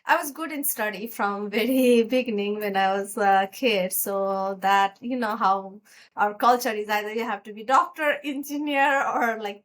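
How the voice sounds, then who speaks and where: A middle-aged woman with a Nepali accent answers an interviewer's questions as a guest physician. Her voice is of average pitch for a woman and a bit bright, and she speaks casually and conversationally.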